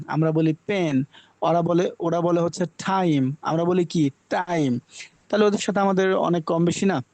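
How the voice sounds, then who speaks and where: A man's voice: fairly high pitch, mellow, dry recording, rough recording. A young man from Bangladesh teaching English phonics to children, drilling letters and words with repeated questions.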